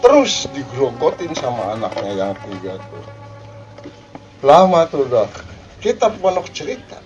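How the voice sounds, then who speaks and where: A man's voice: mid-range voice, huge pitch swings, a little mellow. A man narrating a story in a casual, emotive way, often repeating phrases. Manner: repetitive, emotive, drawn-out phrases. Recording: dull lo-fi recording with faint music.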